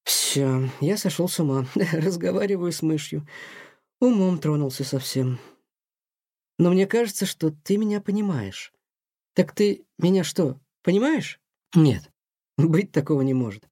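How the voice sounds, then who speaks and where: A man's voice: a little high, lively intonation, a little slow, no echo, clean studio sound. A man voicing a weary old museum director. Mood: wondering. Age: older. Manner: sighing, soft-spoken, talks kindly to a mouse. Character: weary aging male museum director, gentle and sad.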